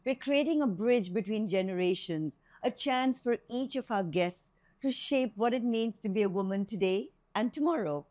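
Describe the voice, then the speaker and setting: A woman host who opens with a measured, scripted introduction and then asks her guest questions. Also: on the high side, animated, a little mellow. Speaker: podcast host. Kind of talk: interview hosting.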